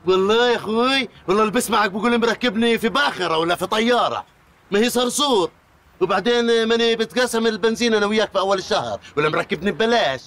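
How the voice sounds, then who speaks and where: Jordanian friend, teasing then soothing, fast talk, fairly high voice. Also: male voice, big pitch swings, reverberant. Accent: Jordanian Arabic. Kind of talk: sketch comedy acting.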